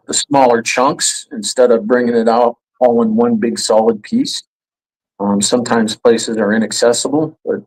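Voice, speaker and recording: A man who carves with a chainsaw, explaining his craft in a casual, halting way on a live stream. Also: medium pitch, darkish tone, low-quality recording. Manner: hesitant, many restarts and fillers.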